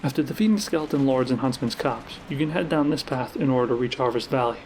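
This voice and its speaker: A man giving measured, explanatory scripted narration for a countdown-style video of game trivia. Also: mid-range voice, a little mellow, slight background noise, low-quality recording. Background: background music.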